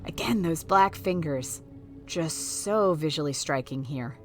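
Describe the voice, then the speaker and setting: A woman's voice: low-pitched, unhurried, loud music behind the voice. A woman, a horror historian, giving an enthusiastic film commentary and cursing as she reacts to scenes.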